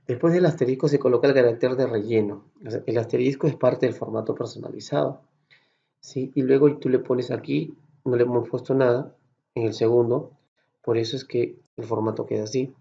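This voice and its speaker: A man from Peru with a Peruvian accent, patiently explaining a software tutorial step by step and checking in with his students. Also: mid-range voice, fairly even intonation, brisk, gravelly, lo-fi sound. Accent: Peruvian Spanish. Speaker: Excel course instructor. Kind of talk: screen-recorded software tutorial.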